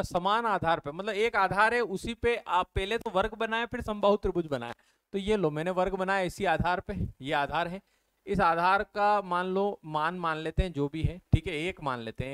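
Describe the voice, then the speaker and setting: A man's voice: sits high, moderate pace, a bit bright, clear, resonant tone, dry recording. A man teaching an exam-prep maths lesson, explaining step by step and putting questions to his viewers. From India. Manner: explains step by step, keeps asking the viewers questions and answering them.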